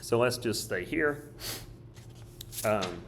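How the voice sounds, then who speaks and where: Low-voiced hoarse male teacher. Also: a little slow, slight background noise. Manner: casual, thinks aloud while drawing and writing. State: hoarse, coughing. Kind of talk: recorded study guide walkthrough.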